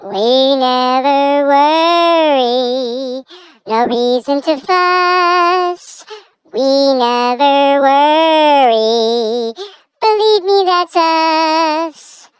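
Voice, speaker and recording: A man's voice: very high-pitched, very slow, no echo, faint music behind, pitched above the performer's own voice, full character voice. A man singing a playful intro tune in a sped-up chipmunk voice, bouncy and sing-song.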